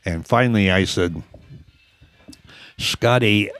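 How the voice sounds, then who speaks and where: A man's voice: fairly low pitch, slow, a bit bright, no room sound. A man in his eighties, a gym owner, telling old stories in an interview. He rambles and keeps quoting what others said. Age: 80s. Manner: rambling, repeats "I says" while quoting others. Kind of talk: storytelling interview.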